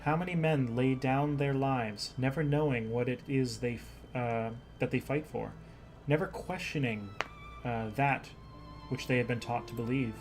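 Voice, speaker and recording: A man's voice: medium pitch, measured pace, darkish tone, soft background music, lightly acted, poor audio. A man reading aloud the lines of an earnest young male noble scholar from a game, in a plain voice with small stumbles.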